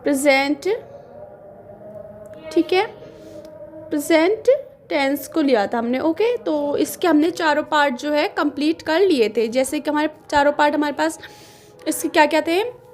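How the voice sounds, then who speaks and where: High-pitched female teacher, patient and repetitive, drawing words out slowly for a classroom grammar lesson. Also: a little hiss or hum. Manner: patient, repeats words slowly while writing.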